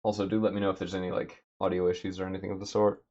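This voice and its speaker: A man livestreaming as he paints a miniature, thinking aloud in a relaxed way with lots of fillers, his throat a bit dry and rough. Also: low-pitched, very fast, dull audio. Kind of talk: casual livestream chat. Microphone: desk mic with noise gate.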